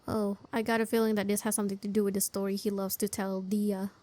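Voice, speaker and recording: A woman gaming streamer with a dark, mid-range voice talks fast in a level tone. She gives casual playthrough commentary, speaking sympathetically to the characters on screen.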